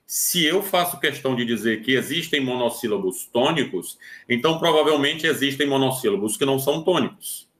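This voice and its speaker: Slow-explaining Brazilian man, roomy echo. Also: medium pitch, lively intonation, fairly bright tone. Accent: Brazilian Portuguese. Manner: slow, deliberate explaining with hesitant fillers. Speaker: teacher. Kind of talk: recorded online lesson.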